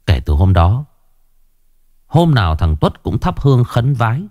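A man narrating a ghost story in an animated, colloquial storytelling manner. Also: mid-range voice, measured pace, no room sound, studio quality.

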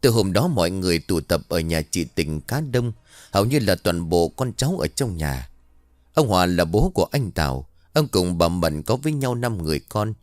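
A man narrating a somber story in an expressive storytelling voice. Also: on the low side, no room sound, clean studio sound.

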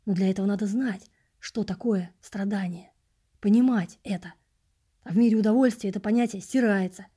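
A quiet, pleading homeless man speaks low and soft, as a woman reads him for an audiobook. His voice stays mellow and dark, never rising above a murmur. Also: brisk, slightly rough, close to an everyday voice. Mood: hushed. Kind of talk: audiobook reading.

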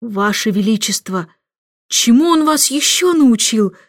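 A woman voicing an eager, excitable old male professor who asks questions in a high, drawn-out voice. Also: no echo, clean studio sound.

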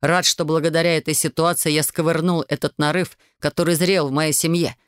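A man narrates a first-person audiobook in a measured, brooding tone. His voice sits fairly high for a man. The recording is dry and close-miked. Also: flat delivery, fairly bright tone, clean tone, no echo.

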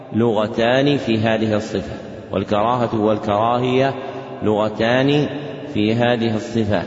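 A male Islamic scholar giving a dictated religious lesson in a large mosque, speaking in measured phrases and repeating each one twice, with scripture lines chanted slightly. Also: mid-range voice, a little mellow. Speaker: Islamic scholar teaching a class. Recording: echoey, dull lo-fi hall recording.

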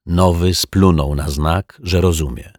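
A man narrates a children's detective story with a low, husky voice. The recording is dry and close, with no room sound. He reads at an even, storytelling pace. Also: measured pace, no room sound. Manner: voices the characters with raised pitch and louder delivery. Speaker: audiobook narrator. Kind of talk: children's audiobook reading.

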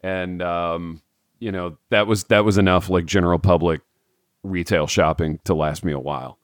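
Man, low voice, dry close mic, laid-back casual podcast chat, sleep-deprived. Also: fairly even intonation, dry recording. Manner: laid-back, drawn-out, trailing off quietly. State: short on sleep. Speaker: podcast co-host.

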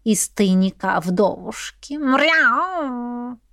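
A woman's voice: on the high side, animated, drawn-out words, bright, forceful tone, dry recording, clean studio sound, heavily acted. A woman voicing a proud, devoted pet cat familiar who meows and purrs between words. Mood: eager. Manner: meowing, purring between words.

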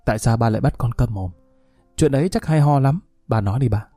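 A man's voice: mid-range voice, lively intonation, fairly quick, warm tone, dry recording, faint music behind, lightly acted. A man voicing a grieving young man who answers his father with cool, mocking sarcasm. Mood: bitter.

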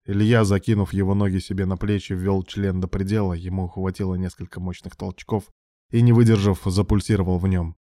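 A man narrating a story as an audiobook in a steady, even reading voice. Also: low-pitched, brisk, dry recording, studio quality.

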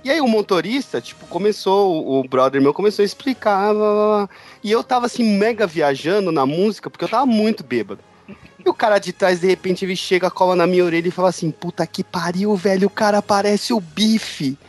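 A man's voice: high voice, expressive, fast, faint music behind. A young man, a podcast co-host telling a party story among friends, laughing often.

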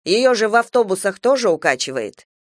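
A woman's voice: mid-range voice, a little fast, no room sound, natural voice. Woman playing a sensible uncle who lectures, dry close mic. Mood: lecturing. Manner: calm, lecturing. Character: reasonable lecturing middle-aged uncle.

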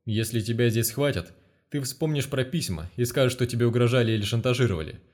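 A man's voice: mid-range voice, fast talker, darkish tone, lightly acted. A stern, commanding male investigator, read by a man narrating the book. He speaks bluntly and with open contempt, close to the reader's own voice. An audiobook character reading. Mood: lecturing.

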